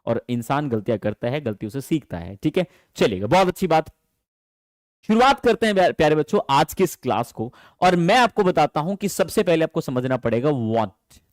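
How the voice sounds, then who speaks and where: Male online tutor, lively and fond with students; a touch high-pitched, dry and close on the mic. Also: normal speed, dry recording. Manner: animated, affectionate, calls students "my dear children". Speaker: English teacher. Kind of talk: online class in Hindi. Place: teaching from home.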